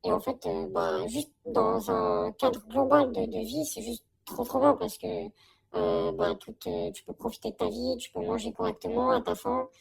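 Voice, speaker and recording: A woman's voice: sits high, wildly swooping pitch, normal speed, creaky, crowd noise. A young woman giving a casual, slangy testimonial in an informal conversation. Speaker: coaching client giving a testimonial.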